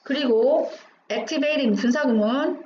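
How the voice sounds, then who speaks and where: Speaking slowly in a high but darkish voice, a woman goes line by line through an English exam passage, posing questions and then answering them herself. There's a faint hum in the dull, roomy recording.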